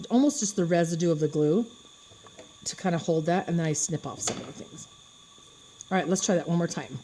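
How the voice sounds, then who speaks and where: A woman's voice: on the low side, dark tone. A woman giving a step-by-step craft demonstration, chatting and thinking aloud as she works with her hands. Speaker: craft instructor.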